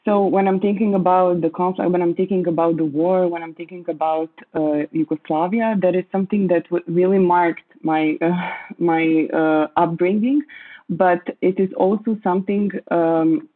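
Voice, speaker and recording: A woman in her thirties from Croatia, speaking as a panel guest in halting English, often pausing and restarting to find her words. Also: fairly low pitch, steady tone. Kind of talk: panel discussion. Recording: tinny phone-like line.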